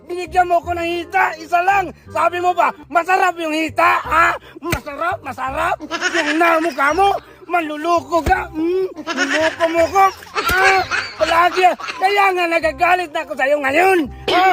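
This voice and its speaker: A man, scolding and shouting at someone in a comic angry rant. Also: extremely high pitch, fairly even intonation, moderate pace. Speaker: vlogger. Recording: music playing behind.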